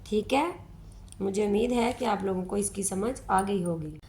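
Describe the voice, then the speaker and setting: A woman, a Quran teacher explaining pronunciation rules step by step in a slow, patient way. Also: medium pitch, warm tone, slight background noise. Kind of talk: step-by-step recitation lesson.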